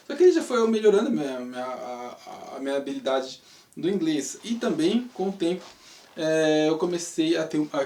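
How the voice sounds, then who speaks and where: The voice belongs to a man in his thirties from Brazil, on the high side and a little mellow, speaking English with a Brazilian Portuguese accent. He's an English teacher hosting a channel, wandering through a casual monologue built on rhetorical and tag questions, recorded with a faraway mic in a roomy space.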